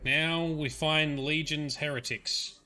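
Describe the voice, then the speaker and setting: Playing a video game live, this Australian streamer keeps up a joking, foul-mouthed running commentary. His voice sits on the high side, bright and forceful, steady in tone and slow in pace. Game sound fills the background of the noisy stream.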